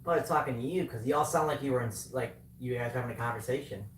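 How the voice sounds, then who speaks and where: A man's voice: medium pitch, fast talker, a little hiss or hum. A man chatting casually in an easygoing, joking way. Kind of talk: casual chat. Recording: distant, echoey room.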